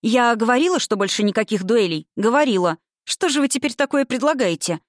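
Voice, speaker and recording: A woman reading aloud gives a stubborn, quick-tempered young noblewoman a lively, raised voice. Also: no echo, clean studio sound, lightly acted. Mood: wheedling. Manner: lively, pitched up.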